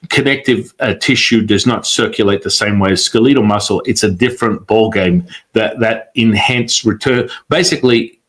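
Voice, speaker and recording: A man, a guest on the show, telling a story in casual talk, animated and quick to act out quotes, with frequent swearing. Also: fairly low pitch.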